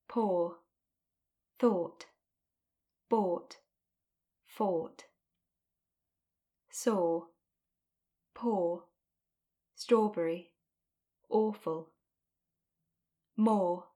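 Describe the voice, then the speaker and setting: A woman narrating a rhyming story and phonics drills for a textbook audio track, with clear, deliberate delivery. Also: mid-range voice, a little mellow.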